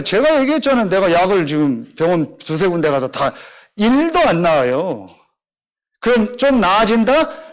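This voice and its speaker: Man, pastor, sermon, emphatic storyteller, wide pitch swings.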